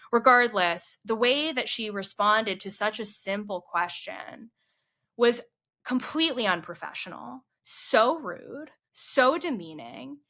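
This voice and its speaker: A woman's voice: medium pitch, bright, forceful tone. A young woman, a spiritual coach, telling a candid personal story in a conversational way, full of fillers like "like" and "you know".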